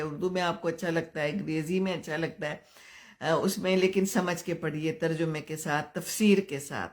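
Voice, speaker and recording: An older woman from Pakistan, hosting a live stream and giving gentle advice while answering viewers' comments. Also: lowish voice. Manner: gentle, advising, chuckles often.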